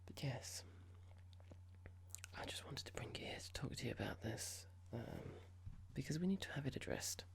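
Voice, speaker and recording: In an ASMR roleplay, a performer plays a horrible young corporate boss, whispering breathily in a measured, pompous, formal way. The mid-range voice is expressive, condescending and self-satisfied, a gravelly whisper with clicks.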